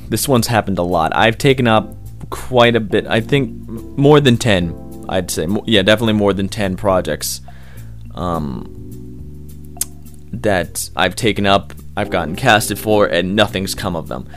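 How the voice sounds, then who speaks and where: A young man who does voice acting as a hobby answers interview questions in a low voice. His replies are loose and rambling, packed with fillers and false starts.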